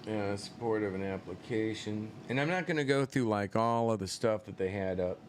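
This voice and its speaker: A man's voice: lowish voice, lively intonation, brisk, a little hiss or hum. A man hosting a live-stream commentary show, rambling and swearing with many fillers and incredulous outbursts. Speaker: political commentary show host.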